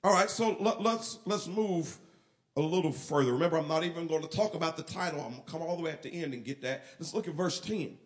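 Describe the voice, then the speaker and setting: A male pastor preaching a sermon, shifting from quiet, low asides to shouted and half-sung lines. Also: fast talker.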